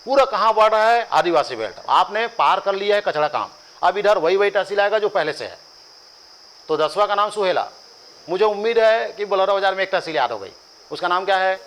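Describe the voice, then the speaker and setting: A man's voice: high voice, animated, brisk, a bit bright, low-quality recording. A man with a Chhattisgarhi accent teaching a coaching class, drilling lists by rhythmic repetition with joking asides to students. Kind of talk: classroom lecture with chanted drills.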